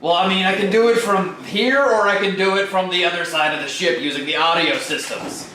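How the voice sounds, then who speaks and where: A man's voice: high voice, a little fast, sharp tone. A man playing a tabletop role-playing game, talking in a sarcastic, grumbling way. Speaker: player. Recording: echoey room, from far off, with noise.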